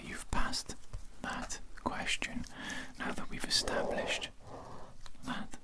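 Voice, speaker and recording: A performer plays a patient secret-facility interrogator in a whispered role-play. The voice stays a breathy, unvoiced whisper. The delivery is deliberate and condescending, coaxing with quiet menace. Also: close to an everyday voice. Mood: probing.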